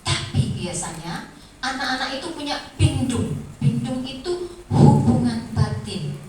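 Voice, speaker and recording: Animated woman lecturing in a hall. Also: high voice, a little slow, a little hiss or hum. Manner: animated storytelling, acts out voices, laughs often. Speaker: kindergarten teacher giving a talk. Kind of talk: lively lecture to students. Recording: echoey room, voice from far off.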